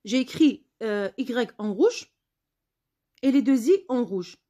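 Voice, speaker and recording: A woman teacher giving a spelling lesson, patiently repeating words slowly for her pupils. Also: a little high, animated, dark tone.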